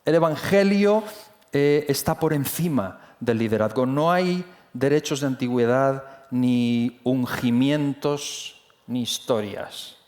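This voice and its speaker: A man's voice: medium pitch, takes it slowly, a little mellow. A man preaching a sermon in a church, talking conversationally and often restarting his phrases. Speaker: pastor. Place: church hall.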